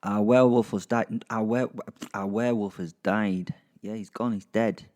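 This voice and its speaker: With music underneath, a male podcast host and narrator gives listeners a casual, rambling recap. His voice is fairly low, steady and a little mellow at a normal speed, and he's chatty and dryly jokey, often interrupting himself.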